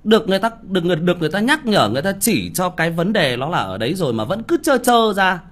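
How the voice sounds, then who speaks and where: A man's voice: sits high, big pitch swings, racing, a bit bright. A man who reads audiobooks on a livestream, scolding a viewer with profanity and rhetorical questions.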